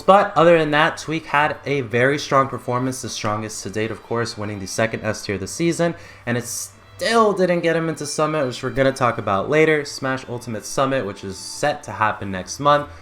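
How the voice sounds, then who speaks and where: A man's voice: medium pitch, a bit bright. A man hosting an esports results show in a casual, enthusiastic, informal way. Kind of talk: casual esports recap and co-host chat.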